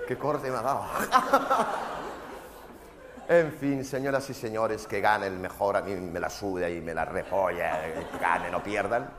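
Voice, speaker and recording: Stand-up comedian, man, brash and profane, very lively intonation, loud audience and noise on a live stage recording. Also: lowish voice, a little slow, a crowd in the background. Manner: brash, foul-mouthed, theatrical, mimics voices and shouts. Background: audience laughter.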